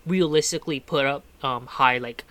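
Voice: mid-range voice, normal speed, bright, forceful tone. A podcast co-host chatting casually, rambling with lots of fillers and restarts. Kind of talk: casual chat.

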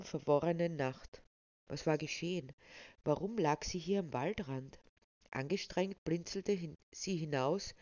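A woman presenting a novel and reading an excerpt aloud in a measured, expressive way. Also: sits low, no room sound. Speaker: book presenter and reader. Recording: slightly dull, dry sound.

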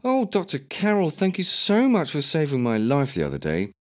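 A playful woman hamming it up in front of a mirror, as a man puts her on. Her voice is pushed up and loud, bright with theatre. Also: a little high, huge pitch swings, moderate pace, voice pushed up. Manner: theatrical, talking to herself. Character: playful adult woman playing doctor.

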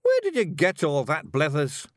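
A man voicing a tough, bossy little male fairy clan leader with a Scottish accent and a gruff, blunt way of talking. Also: on the high side, huge pitch swings, moderate pace, dry recording, clean studio sound, voice pushed up.

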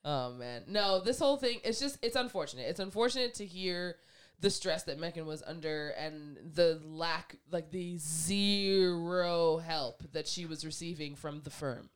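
A woman's voice: sits low, normal speed, clear, resonant tone. A woman co-hosting a casual podcast chat who talks animatedly and acts out the people she quotes. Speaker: podcast co-host.

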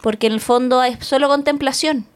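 A woman's voice: high voice, steady tone, fairly quick. A woman with a Chilean accent, co-hosting a casual podcast chat and telling stories with lots of slang and quoted voices. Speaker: podcast co-host.

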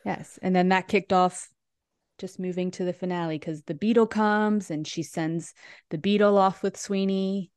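A woman's voice: fairly low pitch, steady tone, normal speed, a little mellow, clear, resonant tone, no room sound. A woman co-hosting a podcast, recapping a musical in casual, rambling chat full of restarts. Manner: chatty, lots of "like" and restarts. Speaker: podcast co-host.

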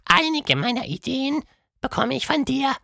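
A man voicing a wild, playful male monster in a high, squeaky, exaggerated voice. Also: lively intonation, moderate pace, gravelly, pushed and bright, dry recording, clean studio sound, full character voice. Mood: musing.

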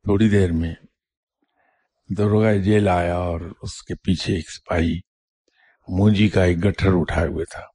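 A man telling a moral story in a spiritual talk, in an unhurried storytelling manner. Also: low-pitched, steady tone, a little mellow, breathy edge, dry recording. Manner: unhurried storytelling with English loanwords. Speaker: spiritual teacher.

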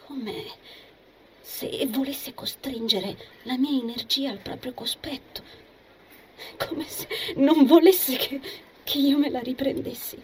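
A woman's voice: sits high, slow pace, a little hiss or hum, voice pushed up. A woman voicing a brooding, determined young woman who murmurs to herself in an audiobook reading.

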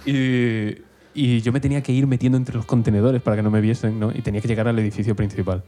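A man's voice: mid-range voice, little pitch movement, mellow, soft background music. A man, co-hosting a casual chat podcast, joking and chipping in. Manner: joking, quick interjections. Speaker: podcast co-host.

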